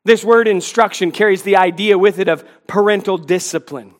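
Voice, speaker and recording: A man's voice: sits high, moderate pace. A man in his forties, a pastor, preaching a sermon in an earnest, emphatic way with self-deprecating asides, in a church. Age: 40s.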